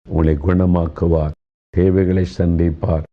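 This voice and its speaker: A man preaching a devotional sermon, slow and earnest, consoling his listeners and speaking to them directly. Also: deep voice, level tone, phone-quality sound.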